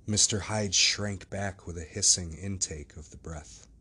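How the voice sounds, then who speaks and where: A man narrating a classic novel as an audiobook, in measured, steady storytelling. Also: sits low, breathy edge.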